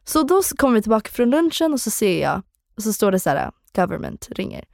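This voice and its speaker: A woman's voice: fairly high pitch, gravelly, dry recording, clean studio sound. A woman co-hosting a podcast in casual chat, telling a story with lots of acted voices and English slipped in. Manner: animated storyteller, acts out voices, mixes English into Swedish. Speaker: podcast co-host.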